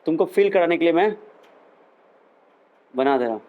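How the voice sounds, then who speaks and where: Young male physics teacher with a high voice, chatty, asks and answers his own questions. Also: expressive, moderate pace, phone-quality sound. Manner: asks questions and answers them himself, mixes in English terms; chatty, jokey asides. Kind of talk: classroom lecture.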